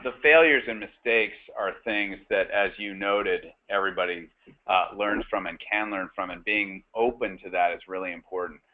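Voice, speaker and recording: Male webinar host, low voice, halting delivery full of fillers, phone-line sound. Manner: halting, many fillers and restarts. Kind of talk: webinar panel discussion. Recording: tinny phone-line audio.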